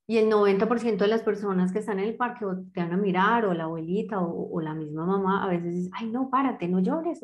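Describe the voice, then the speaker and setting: A woman's voice: on the low side, mellow. A woman giving a reflective talk, who strings phrases into long lists with many fillers and restarts. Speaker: guest speaker on childhood wounds.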